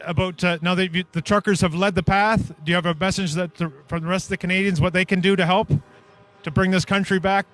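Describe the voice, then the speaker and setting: A man's voice: high voice, steady tone, fast, fairly bright tone. A man doing a street interview outdoors, earnestly asking long leading questions. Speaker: independent media interviewer.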